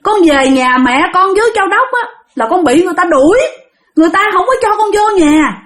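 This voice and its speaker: A woman voicing the vengeful ghost of a murdered wife, shrill and ranting, then wailing. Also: expressive, normal speed. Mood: wailing pleading.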